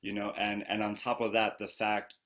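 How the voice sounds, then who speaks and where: Male actor in a talkback, low voice, sincere and restarting often. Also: monotone, normal speed, a bit bright. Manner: earnest, adds on with restarts. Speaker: cast member on a panel. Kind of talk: casual panel discussion. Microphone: video call.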